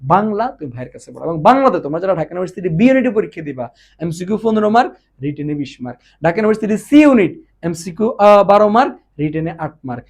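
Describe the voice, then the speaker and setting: A man's voice: high voice, very animated. A man teaching an exam-prep lecture online, quizzing students and stretching words out to show examples in a casual, brotherly way. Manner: drawn-out demonstrative words, quizzing questions to students. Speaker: Bengali admission tutor.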